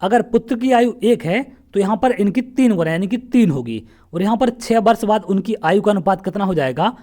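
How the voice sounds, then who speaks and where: A warm, medium-pitched voice, animated and a little quick, belongs to a math teacher from central India. He works through past exam papers step by step in an exam-prep lesson, often posing a question and answering it right away.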